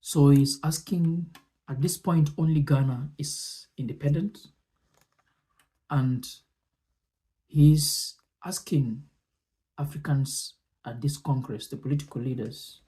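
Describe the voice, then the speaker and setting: Here the man's slightly high voice is mellow and steady as he presents speech excerpts and offers commentary. He takes a deliberate approach, often stopping between short phrases.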